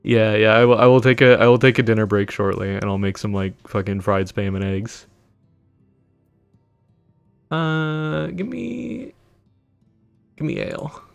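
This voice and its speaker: A man's voice: fairly low pitch, completely flat delivery, brisk, hardly any pauses, clean tone, no echo, lo-fi sound, soft background music. A man casually chatting while streaming a video game, loose and sweary with frequent laughs. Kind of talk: casual gameplay livestream chat.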